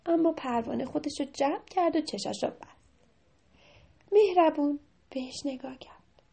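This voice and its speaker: A woman narrating a children's story gently, sometimes dropping to a whisper. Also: sits high, creaky. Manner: gentle, soft, slipping into whispers.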